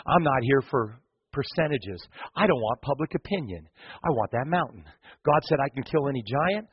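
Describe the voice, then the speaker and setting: A man voicing an 85-year-old male warrior who speaks in low, quiet, determined declarations. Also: expressive, moderate pace, husky, no echo, lo-fi sound. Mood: resolute.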